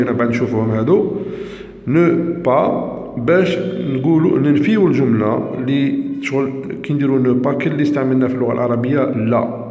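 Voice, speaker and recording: A man with an Algerian accent, a primary school teacher giving a patient grammar lesson and reading examples slowly and deliberately. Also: mid-range voice, dark tone. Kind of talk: classroom grammar lesson video. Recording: echoey room with long reverb.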